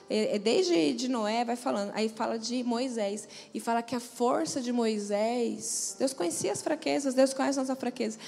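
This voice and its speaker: A woman pastor preaches with a high voice. She speaks emphatically and calls out to the congregation for replies. Her voice rings with the long reverb of a church hall. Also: vocal fry, a little mellow. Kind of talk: sermon.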